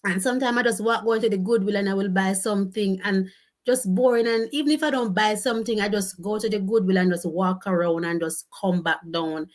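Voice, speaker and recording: A woman's voice: mid-range voice, a little fast. Jamaican woman, livestream host, chatty storyteller, patois mixed in, laughs a lot. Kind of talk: casual livestream chat, reading viewer comments.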